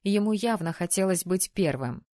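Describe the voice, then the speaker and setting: A woman reading first-person narration of an audiobook in a lively, expressive storytelling manner, close to the mic. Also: mid-range voice, normal speed, dry recording.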